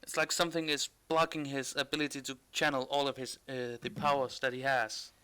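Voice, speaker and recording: A man's voice: mid-range voice, little pitch movement, fairly quick, pushed and bright, smooth. A man narrating a tabletop role-playing game as game master in a casual, conversational style.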